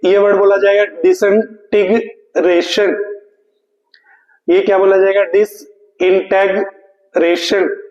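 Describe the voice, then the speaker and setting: A male English teacher, running an exam-prep lesson, asking questions and answering them himself, reading English sentences slowly. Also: sits high. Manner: questions then answers himself, calls students "beta", reads English lines slowly. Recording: echoey room with long reverb.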